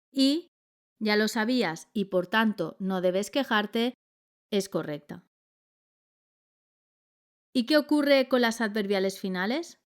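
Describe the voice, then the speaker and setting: A woman reading a scripted grammar lesson in a measured, clear delivery. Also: medium pitch. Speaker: grammar teacher.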